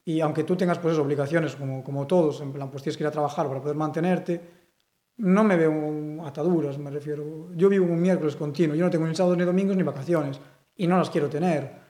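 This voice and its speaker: Recorded with a roomy sound, a young Galician man with a slightly high voice and a Galician Spanish accent talks quickly. A sculptor being interviewed, he stays relaxed and wanders through his answers, full of fillers.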